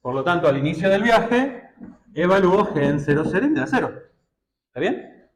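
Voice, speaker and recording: Man, Argentine Spanish accent, math teacher, high voice, keeps quizzing his students, echoey room. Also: big pitch swings, moderate pace. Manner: questioning, checks understanding often, colloquial. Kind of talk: classroom math lecture.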